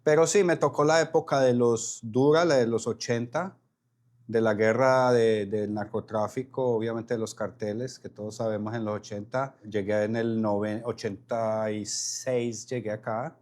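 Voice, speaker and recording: A man's voice: on the low side, fairly even intonation, normal speed, a little mellow. A man, a podcast guest telling his story with frequent restarts and repeated words. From Colombia. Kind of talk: casual interview conversation.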